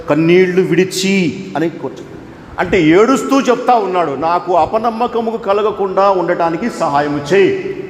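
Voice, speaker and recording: Male pastor preaching emphatically with a somewhat high voice, recorded in a reverberant hall. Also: darkish tone, a little hiss or hum. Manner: emphatic preaching, rising high on quoted pleas. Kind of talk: sermon. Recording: echoey hall with faint ambience.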